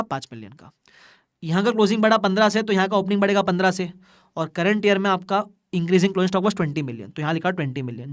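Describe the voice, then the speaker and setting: Chatty man teaching accounting. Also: high-pitched. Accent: Indian English. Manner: chatty, teasing, asks and answers himself. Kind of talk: exam revision lecture.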